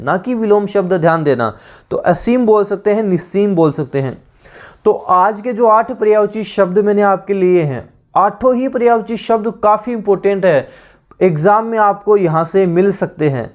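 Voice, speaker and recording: Guy teaching an exam-prep class, rajasthani hindi accent, higher voice, keeps repeating lists and saying pay attention. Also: a little mellow. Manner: repeats word lists with emphatic reminders.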